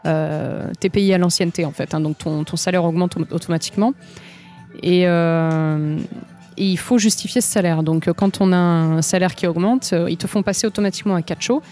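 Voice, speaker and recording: A woman's voice: lowish voice, normal speed, darkish tone, soft background music. A woman from France, an interview guest, explaining things at length with frequent hesitations. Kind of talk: conversational interview.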